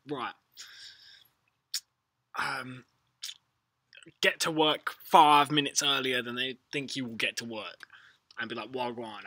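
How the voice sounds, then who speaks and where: A British man hosts a livestream, answering viewers in casual, rambling chat that's laid-back, slangy and sweary, like a stoner. His medium-pitched voice has a sharp tone and there's no room sound.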